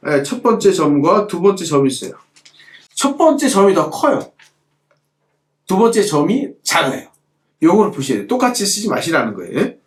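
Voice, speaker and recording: A man's voice: high voice, roomy sound. A middle-aged man teaching a calligraphy class as he demonstrates, repeating points and asking the students rhetorical questions. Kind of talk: hands-on lesson while demonstrating.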